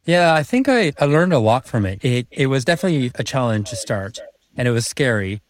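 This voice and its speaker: A man in his thirties, born in China, raised in Prague and later moved to Vancouver, guests on a podcast interview as an MBA student and finance executive. His mid-range voice has a sing-song lilt and a brisk pace. He earnestly tells the story of how he got to business school, restarting often.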